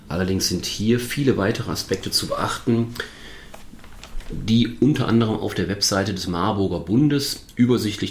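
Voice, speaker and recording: A man talks through tax rules in a podcast. His voice is very low, and he explains in a measured way, often pausing with fillers and restarting sentences. The recording has a noticeable room echo. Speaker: tax advisor podcast host. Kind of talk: informational podcast monologue.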